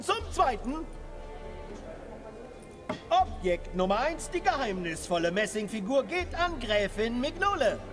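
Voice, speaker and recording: A man's voice: very high voice, full character voice. A man voicing a flamboyant, courteous auctioneer in a video game, calling bids in theatrical, sing-song patter. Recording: music behind the voice. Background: music.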